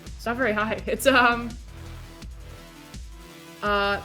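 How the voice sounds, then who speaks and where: A woman's voice: fairly high pitch, fairly even intonation, slow pace, sharp tone. A woman chatting casually as a player in a tabletop role-playing game. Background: background music.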